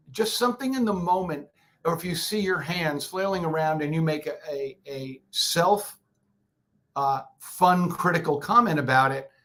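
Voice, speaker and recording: Guy running a speaking workshop, kinda high voice, rambly and casual. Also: fairly bright tone. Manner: conversational, many fillers and restarts. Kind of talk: casual instructional talk.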